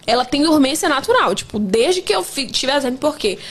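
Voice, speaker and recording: A woman's voice: high voice, expressive, brisk. A woman in her twenties, pregnant, telling her faith testimony in an earnest, emphatic casual way. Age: 20s. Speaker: guest sharing a testimony.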